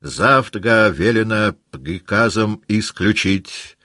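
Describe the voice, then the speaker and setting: A man voicing a hot-tempered cavalry officer who shouts and swallows his R sounds in a guttural burr. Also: lowish voice, takes it slowly, no echo, clean studio sound, pitched above the performer's own voice. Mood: fierce. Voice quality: guttural burred R. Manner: shouting, fiery.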